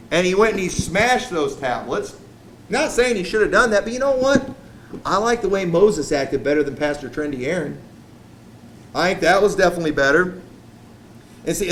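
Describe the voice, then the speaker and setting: A male pastor with a notably high voice preaches a fiery sermon in a church, swinging from casual asides to impassioned shouts. A faint hiss of noise sits under the recording. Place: church sanctuary.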